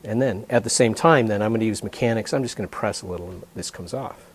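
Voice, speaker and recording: A man's voice: on the low side, quick pace, breathy edge. An older man in his sixties, a martial arts instructor, explaining a technique while demonstrating it on a partner in a dojo. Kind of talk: hands-on demonstration. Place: dojo indoors.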